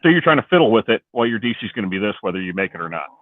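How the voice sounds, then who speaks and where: A man's voice: on the low side, big pitch swings, rapid-fire, no room sound. A man in a casual chat, rambling a bit as he explains tabletop rules through worked examples. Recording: tinny phone-like line, dry.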